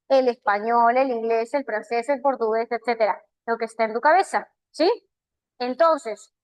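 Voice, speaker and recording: High-voiced Peruvian woman teaching class. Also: no room sound, low-quality recording. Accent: Peruvian Spanish. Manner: patient, explains step by step with frequent check-ins. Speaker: language teacher. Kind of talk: online class lecture.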